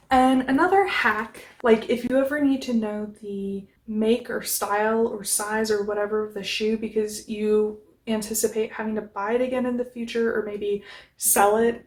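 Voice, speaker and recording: A young woman films an upbeat, chatty how-to vlog about organizing shoes in a small bedroom full of shoe bins, and says she has a booming voice, which has a darkish tone. A camera mic picks her up close, then from across the room. The room is echoey, with a little hiss or hum.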